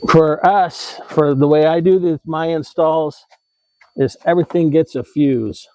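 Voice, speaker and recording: An American man hosts an RV tips how-to video, explaining things casually and informally with some hesitation and self-correction. His voice is a little high, steady and mellow, moving a little slowly. There's no room sound, but the audio is poor.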